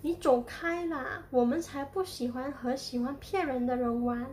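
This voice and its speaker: A woman's voice: high-pitched, a little slow, a little hiss or hum. A woman voicing an indignant young boy in a children's story, speaking bluntly and accusingly. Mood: annoyed. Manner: scolding, accusing.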